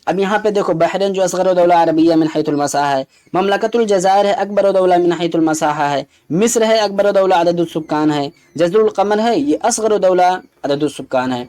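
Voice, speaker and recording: A man's voice: high-pitched, a little mellow. A man teaching an exam preparation lesson, walking through answers and explaining them step by step, with English terms mixed into his talk.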